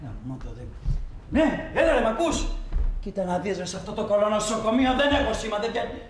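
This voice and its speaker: Brash slangy undertaker on a roomy set. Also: male voice, high voice, big pitch swings, over music. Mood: hustling. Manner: slangy, blunt, shouting down a bad line. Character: brash pushy male undertaker hustling for business. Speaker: undertaker on a phone call. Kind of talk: film comedy acting.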